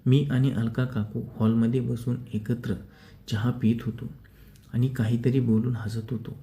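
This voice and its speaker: A male storyteller reads a first-person story at a measured, steady pace. His voice is very dark and mellow, with a pitch in the ordinary middle range.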